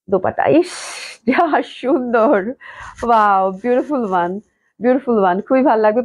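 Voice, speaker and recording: Young woman selling dresses live, hoarse from a cold, gushes nonstop, kinda high voice, dry sound. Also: no echo. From Bangladesh. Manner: gushing, repetitive praise. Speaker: online clothing seller. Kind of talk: live sales stream.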